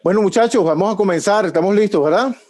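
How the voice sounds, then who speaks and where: A man's voice: high voice, quick pace, a little mellow, slight background noise. A man hosting an online panel, asking questions in a friendly, upbeat way. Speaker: host. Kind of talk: panel interview host.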